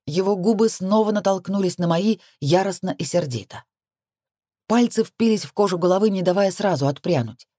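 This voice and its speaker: A woman reading a first-person audiobook, steady and rising sharply on tense phrases. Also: mid-range voice, moderate pace, no echo, studio quality. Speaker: audiobook narrator.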